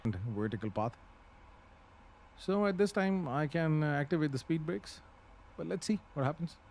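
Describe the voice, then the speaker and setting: A flight simulator livestream host gives live commentary and pilot radio readbacks, hesitant and thinking aloud. His voice is high-ish, expressive, a little mellow and fried, at a moderate pace, with slight background noise.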